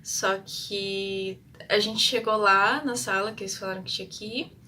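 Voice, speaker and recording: A young Brazilian exchange student vlogs a casual story in a flat, even, mid-range voice at a measured pace, rambling chattily with lots of fillers and English words and calling herself shy. She's slightly far from the mic, with a faint ambient hum in the background.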